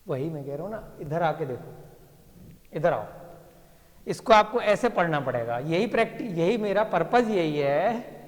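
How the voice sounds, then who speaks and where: A man's voice: fairly high pitch, expressive, unhurried, long reverb tail. A male teacher explaining an inscription to a class, thinking aloud and checking in with his students. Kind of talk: classroom lesson reading an inscription.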